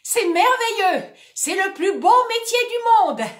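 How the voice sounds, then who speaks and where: A frantic male stage artist bellows grand exclamations as his plank sinks, played by a woman reader. The cries leap high and swing widely in pitch. The voice rings in a roomy, echoing space. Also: animated, a little slow, slight background noise, heavily acted. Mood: exclaiming. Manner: shouting theatrical exclamations. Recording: roomy echo.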